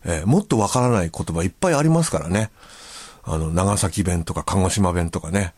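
A man's voice: sits low, expressive, fairly quick, darkish tone, slightly rough, no room sound. A male radio host chatting casually and reading listener letters, with a chatty, easygoing manner and frequent filler words.

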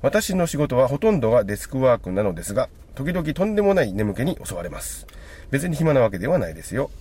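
A man's voice: medium pitch, very animated, fast, warm tone, slight background noise. A man co-hosting a radio show, chatting casually and reading listener letters aloud with frequent chuckles. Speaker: radio co-host.

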